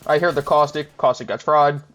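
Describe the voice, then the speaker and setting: A man's voice: a little high, steady tone, fairly quick, a bit bright. A young man giving casual, laid-back commentary over his own gameplay, chuckling often and poking fun at himself. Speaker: gaming commentator. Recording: dull lo-fi mic.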